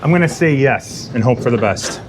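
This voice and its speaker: A man narrates his own garage build in a loose, joking way, poking fun at himself as he goes. His voice sits in a plain middle pitch, and faint shop noise runs behind him. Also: animated, moderate pace. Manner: self-deprecating, joking to himself while working; muttering asides, sometimes whispering. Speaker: garage channel host. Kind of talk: casual self-narrated shop vlog. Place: home garage workshop.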